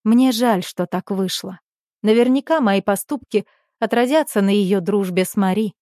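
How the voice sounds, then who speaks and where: A woman reads a first-person audiobook in a calm, even, reflective voice at a middle pitch. The recording is close and dry, with no trace of room echo. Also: normal speed. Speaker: audiobook narrator.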